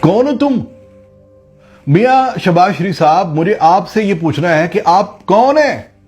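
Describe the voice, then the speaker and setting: A man's voice: sits high, expressive, a little slow, darkish tone, breathy edge, soft background music. A man from Pakistan giving an impassioned, sarcastic political commentary full of rhetorical questions.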